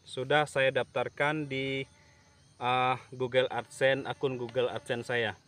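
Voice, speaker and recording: Slow, halting man vlogging outdoors. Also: mid-range voice, flat delivery, a bit bright. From Indonesia. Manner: slow, halting with many fillers. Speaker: YouTube channel owner. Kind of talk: casual vlog talk to camera. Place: outdoors at an oil palm plantation. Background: insects and rural outdoor ambience.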